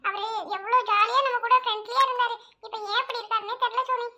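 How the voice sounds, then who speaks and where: A woman doing a cheeky younger sister who teases and sulks at the dinner table. She talks quickly in a very high voice. It is a homemade family drama. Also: fairly even intonation, pushed and bright, heavily acted. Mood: comforting. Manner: teasing, sulky complaints. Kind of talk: home family drama, one narrator voicing all roles.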